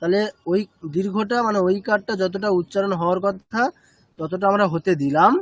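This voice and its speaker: A man's voice: high-pitched, steady tone, a little fast, dry recording. A man teaching a chanting class, explaining step by step and checking with short questions.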